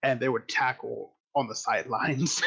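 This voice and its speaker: A man's voice: medium pitch, steady tone, moderate pace, creaky, pushed and bright, slightly rough, poor audio. A man telling rambling family anecdotes at a tabletop game session, correcting himself as he goes. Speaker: player. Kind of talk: casual storytelling at a game table.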